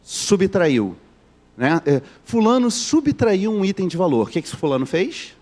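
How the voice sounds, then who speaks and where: A man's voice: high-pitched, very animated, a little slow, darkish tone. Joking Carioca male teacher. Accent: Carioca Brazilian Portuguese. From Rio de Janeiro, Brazil. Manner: joking, keeps quizzing the students. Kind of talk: live online class.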